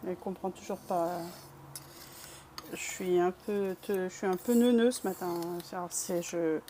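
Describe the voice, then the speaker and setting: A woman's voice: on the low side, measured pace, mellow, a little hiss or hum. A woman from Bresse in eastern France chatting casually with her live-stream viewers, self-deprecating and talkative. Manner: chatty, self-deprecating, talks to chat while painting.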